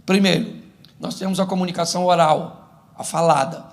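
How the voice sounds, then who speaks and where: A man's voice: high voice, steady tone, moderate pace. A man from Brazil, a pastor giving a humorous sermon, telling stories and acting out couples' quarrels in a church. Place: church before a laughing congregation.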